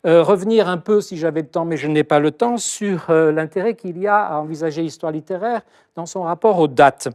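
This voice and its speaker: A middle-aged man, a literature professor, giving a lively lecture with ironic asides and frequent hesitations. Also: on the high side, brisk.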